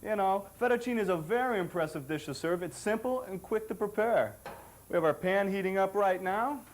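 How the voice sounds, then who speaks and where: High, chatty man hosting a cooking show. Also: fairly quick, a little hiss or hum. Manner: jokey, chatty, self-satisfied. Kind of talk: cooking demonstration.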